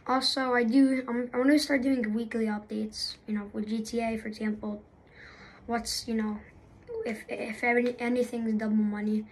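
A young woman chats off the cuff as a gaming YouTuber, rambling, restarting and apologizing as she goes. Her voice sits a little high, with a faint hiss of room noise behind her. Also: little pitch movement, normal speed, rough recording. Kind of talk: unscripted casual commentary.

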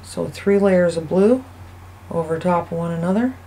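A woman hosting a soap-making channel, giving a casual, chatty voice-over that rambles and thinks out loud as she goes. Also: lowish voice, moderate pace, a little hiss or hum, low-quality recording. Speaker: soap maker and channel host. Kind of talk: casual voice-over narration of a craft video.

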